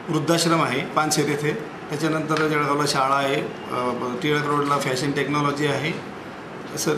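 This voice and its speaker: Halting male official, slightly high voice, roomy noisy press-conference sound. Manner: hesitant, searching for words. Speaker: charity trust official. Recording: echoey room with noise.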